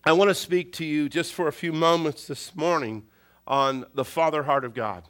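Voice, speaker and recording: Bright-voiced middle-aged male pastor preaching. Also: fairly high pitch, normal speed. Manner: folksy humorous storytelling; emphatic preaching with repeated phrases. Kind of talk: sermon.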